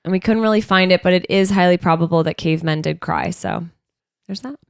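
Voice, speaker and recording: A woman with a lowish, gravelly voice, speaking a little fast, co-hosts a podcast while her nose is stuffy and congested. Captured on a studio microphone in a dry, studio-quality recording, she tells stories in a casual, chatty, rambling way packed with fillers.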